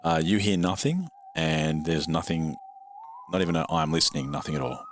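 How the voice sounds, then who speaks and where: Deep-voiced man running a tabletop game. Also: moderate pace, slight background noise. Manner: relaxed, wry, hesitant with fillers. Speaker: dungeon master.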